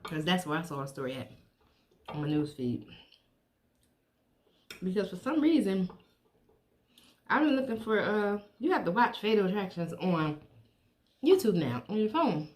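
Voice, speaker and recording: A middle-aged woman chatting casually to viewers while she eats, chewing as she talks and pausing between bites. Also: fairly low pitch, sing-song, a little mellow. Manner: chewing while talking, with pauses to eat. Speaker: mukbang vlogger.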